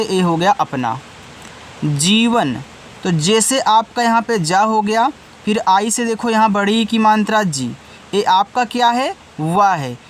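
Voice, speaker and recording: A man's voice: high-pitched, slight background noise. A man teaching students in an online lesson, explaining patiently step by step and speaking straight to them. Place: indoors with wind outside.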